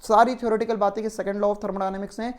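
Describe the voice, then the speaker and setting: A man's voice: high voice, flat delivery, a little fast. A male physics teacher giving an online exam-prep lecture in a conversational, explanatory way, often checking in with tag questions.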